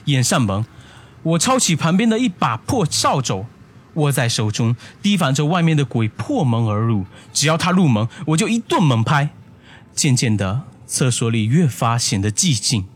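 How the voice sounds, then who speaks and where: Husky-voiced man telling a horror story. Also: medium pitch, big pitch swings, normal speed. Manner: hushed, suspenseful telling. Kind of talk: first-person horror story narration.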